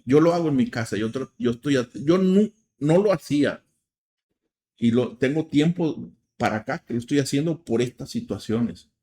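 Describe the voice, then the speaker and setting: A man's voice: medium pitch, normal speed, warm tone. Mexican man, earnest religious commentary. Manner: earnest, with frequent restarts and fillers. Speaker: program host.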